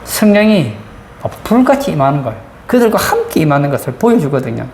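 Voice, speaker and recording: Preaching in a church sanctuary, a female pastor uses a deep, slightly mellow voice that is very animated and brisk, repeatedly asking her congregation rhetorical questions. The sound is roomy, with faint background noise.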